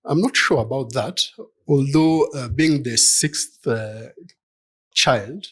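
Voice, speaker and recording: A man's voice: mid-range voice, slow pace, fairly bright tone, slightly rough. A middle-aged man from Kenya, a law firm partner answering interview questions in a thoughtful, hesitant way with many fillers. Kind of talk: conversational interview.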